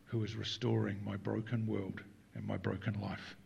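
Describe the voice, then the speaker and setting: A man preaching a sermon as pastor, moving between loud acted quotes and hushed, whispered lines. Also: on the low side, level tone, normal speed, creaky, muffled recording, a little hiss or hum.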